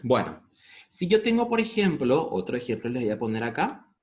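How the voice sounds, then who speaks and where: A mid-range, darkish male voice with a sing-song lilt and a Paraguayan Spanish accent teaches integrals one step after another. The math teacher quizzes the class, then answers for them, and his pace drops when formulas come up.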